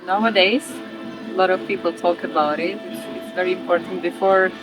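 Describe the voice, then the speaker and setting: Brief: woman festival interviewer, lowish voice, asks with curiosity, music clear in the background. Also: fairly even intonation, brisk, rough recording. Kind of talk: interview questions.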